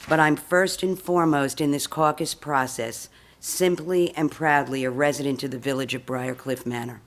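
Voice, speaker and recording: A woman, a mayor seeking renomination, giving a prepared speech at a community meeting and rushing through a long list of accomplishments. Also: low voice, fairly even intonation. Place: community center meeting room.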